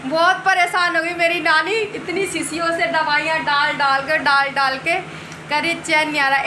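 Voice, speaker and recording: Woman, high voice, teasing comedy vlog chatter, noisy outdoor recording. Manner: teasing, often laughing while talking. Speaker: vlogger. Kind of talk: casual comedy vlog narration. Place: outdoors, dusty and sunny. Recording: noisy background.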